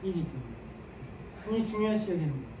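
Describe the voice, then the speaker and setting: High-voiced man lecturing in an echoey room. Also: expressive, very fast, warm tone. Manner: asks the class questions and answers them himself; sprinkles short "네" affirmations while explaining. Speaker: history lecturer. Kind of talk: classroom history lecture. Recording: echoey room, mic at a distance, faint ambient noise.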